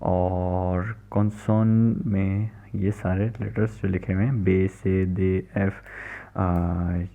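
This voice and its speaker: This man, a language teacher, delivers a recorded lecture in a low voice with little pitch movement, speaking slowly with hardly any pauses. He explains patiently, checks in frequently and keeps repeating "theek hai," all captured on a tinny, phone-like recording.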